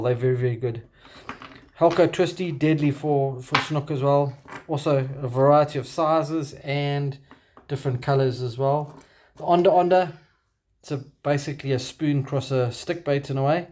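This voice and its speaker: A kayak angler with a broad South African accent shows off his gear in a casual, unscripted show-and-tell, his phrasing halting and hesitant. His voice is mid-range and a little mellow.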